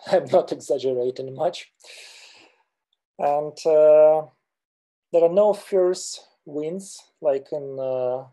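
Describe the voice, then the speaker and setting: Over a webcam on a video call, a Russian mountain guide in middle age walks through webinar slides, pausing often with fillers and hesitating. He has a dark tone in a mid-range voice.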